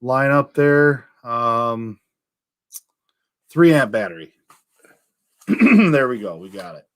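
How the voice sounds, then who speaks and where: A man's voice: mid-range voice, lively intonation, slow. Man losing his voice, live-streaming. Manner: reads viewer comments aloud, with frequent ums. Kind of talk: casual live stream chat.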